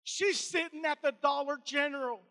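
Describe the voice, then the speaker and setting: A man's voice: very high-pitched, normal speed, pushed and bright. A man preaching a fervent sermon in a church, repeating phrases, stumbling over restarts and adding amens. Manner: stammering restarts. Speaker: pastor. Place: church sanctuary. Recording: long reverb of a church hall.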